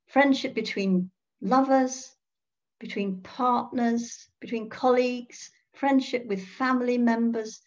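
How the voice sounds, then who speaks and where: An older woman who is a priest preaches a reflective sermon from a room in her home, speaking in a measured manner with frequent pauses and rhetorical questions for her listeners. Her voice is mid-range, and the computer mic on the video call gives the audio a dull, muffled quality.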